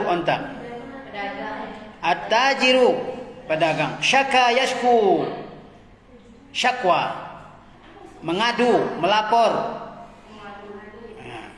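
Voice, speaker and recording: A man's voice: sits high, a bit bright. A man teaching an Arabic grammar class, explaining words patiently with light chuckles. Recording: echoey room with long reverb.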